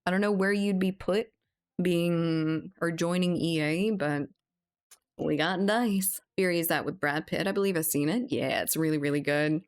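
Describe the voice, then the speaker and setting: American girl streamer w a low voice, just chatting with viewers n reading out comments. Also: moderate pace, clean tone. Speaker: game livestreamer.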